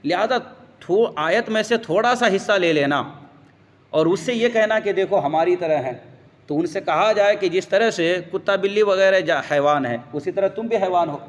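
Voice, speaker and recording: A man's voice: high-pitched, long reverb tail. A man giving a religious lesson who explains step by step, quotes Arabic verses and answers his own questions. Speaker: religious teacher.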